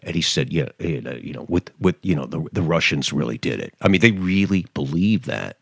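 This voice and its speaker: Deep-voiced sarcastic male podcast host. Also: lively intonation, fairly quick, vocal fry, a bit bright, slightly rough, no room sound, studio quality. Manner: rambling, sarcastic, lots of fillers and restarts. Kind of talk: opinionated talk podcast monologue.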